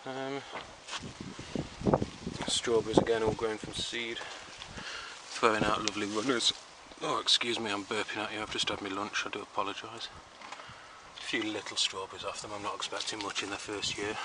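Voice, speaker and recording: A man's voice: lowish voice, little pitch movement, normal speed. A man giving a casual, chatty, rambling tour of his backyard vegetable garden, speaking outdoors into the camera he films with. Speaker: home gardener. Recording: outdoor noise behind the voice.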